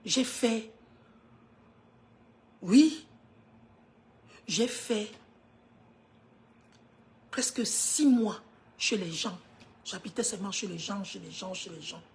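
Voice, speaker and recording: A woman in her fifties from Cameroon, with a Cameroonian French accent, giving an earnest motivational talk on a live stream. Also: mid-range voice. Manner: earnest, swings from hushed to emphatic.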